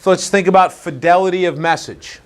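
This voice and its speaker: A man runs an umpire training session in a meeting room, his voice sitting a little high. He teaches in a Socratic way, keeps asking the group questions and acts out quick exchanges with players. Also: steady tone, clean tone. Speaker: umpire clinic instructor.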